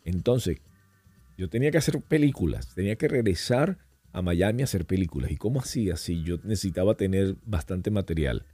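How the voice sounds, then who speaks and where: Un hombre invitado a un pódcast, que cuenta historias de forma animada y coloquial, con muchas frases que se reinician. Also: male voice, low voice, brisk, breathy edge, dry recording. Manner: animated, rambling storyteller with frequent restarts; colloquial, addresses host as "hermano". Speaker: podcast guest. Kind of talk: casual storytelling chat.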